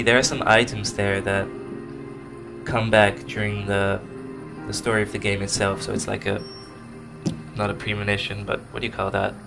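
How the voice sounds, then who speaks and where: With a lowish, creaky voice and a Dutch accent, this man from the Netherlands casually narrates his own gameplay, often hunting for the right word. Game music plays under the computer-recorded desk mic.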